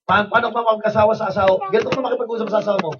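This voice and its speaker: A man's voice: high-pitched, fairly even intonation, very fast. A man with a Filipino accent, a bishop preaching a humorous sermon in a church, switching between Tagalog and English and acting out stories. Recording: distant, muffled, noisy church recording.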